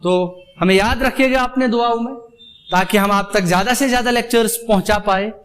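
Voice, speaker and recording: A male math teacher lectures his class in a mix of Hindi and English, calling students "beta" and driving points home with repeated rhetorical questions. His voice sits high, with a brisk delivery and a fairly bright tone.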